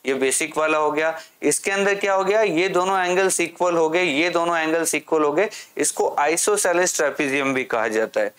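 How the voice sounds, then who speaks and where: A man teaches a maths class, asking questions and then answering them, and slows down for his English read-outs. His voice is on the high side and a little bright.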